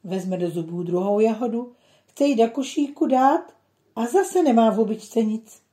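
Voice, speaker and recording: Mellow woman reading a children's story. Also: a little high, reverberant.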